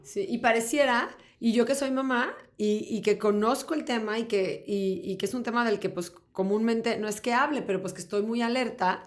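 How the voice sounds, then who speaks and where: A woman's voice: on the high side, moderate pace, hardly any pauses. A woman hosting an interview, chatty and affirming, with many fillers. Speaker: podcast host. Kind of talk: conversational interview.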